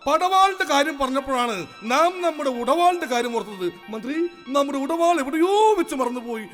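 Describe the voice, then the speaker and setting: Male actor as a foolish blustering king, high and lively, stage comedy, reverberant. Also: a little fast, soft background music. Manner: blustering, scolding, comic. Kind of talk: live stage comedy skit. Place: outdoor festival stage. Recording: reverberant live stage sound.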